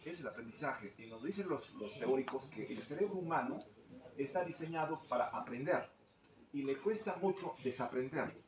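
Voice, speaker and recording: A man's voice: medium pitch, expressive, normal speed, distant mic, crowd noise. Man teacher talking in a roomy room. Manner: explanatory, often ends phrases with a tag question. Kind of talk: speaking up in a teacher training session.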